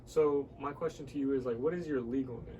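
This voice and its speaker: A man hosts a casual podcast interview, speaking fast in a warm, medium-pitched voice and often echoing short words of agreement while he listens, repeating himself. He sounds recorded from a distance, with a little hiss or hum.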